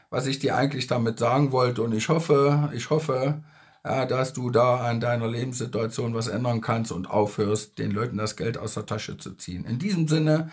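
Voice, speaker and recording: A man's voice: medium pitch, husky. A man in his fifties from Germany talking casually and earnestly to his followers, emphatic and often repeating himself, recorded indoors on a phone. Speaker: social media creator. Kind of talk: casual video message to followers. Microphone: phone at arm's length.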